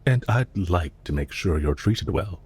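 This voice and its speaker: In an intimate audio roleplay, a man plays a suave, calculating villain leader who addresses the listener softly and politely, with measured, lightly teasing courtesy. His low, husky voice is expressive and exaggerated. He comes across as composed and courteous.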